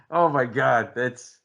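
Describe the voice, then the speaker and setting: A man co-hosting a podcast, chatting excitably about a film, laughing often and humming tunes. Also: mid-range voice, creaky. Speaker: podcast co-host. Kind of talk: casual movie chat.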